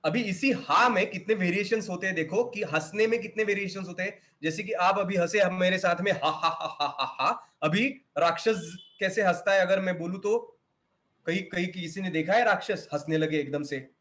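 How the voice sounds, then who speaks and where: A man's voice: sits high, moderate pace. A man with an Indian accent teaching a children's online acting class over a video call. He acts out the laughs as he explains them. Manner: animated, demonstrating laughs. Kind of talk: online class, mixing Hindi and English.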